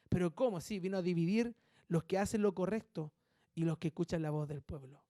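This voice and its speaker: A male pastor preaching a sermon, with animated delivery and muttered asides that mimic gossip. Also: high-pitched, no room sound, clean studio sound.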